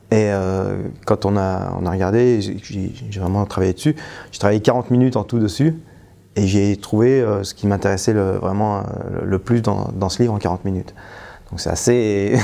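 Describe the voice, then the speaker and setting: A trainer and stress coach whose first language is French gives an off-the-cuff testimonial in a lowish, gravelly, dark-toned voice. He hesitates, restarts sentences, and trails off with small filler words.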